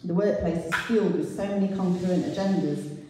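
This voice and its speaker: A distant camera picks up a middle-aged church speaker whose handheld mic runs through speakers in a large, very echoey hall, with background noise. Her fairly low voice moves a little fast with fairly even intonation as she gives an informal sermon, explaining scripture readings.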